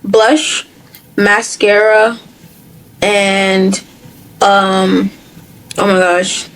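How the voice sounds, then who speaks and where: A woman's voice: mid-range voice, flat delivery, drawn-out words, fairly bright tone, poor audio. A young woman chatting as a podcast guest, talking casually and filling her sentences with "like" and "um". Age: young adult. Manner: chatty, many fillers like "like" and "um". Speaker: podcast guest, content creator. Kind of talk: casual interview chat.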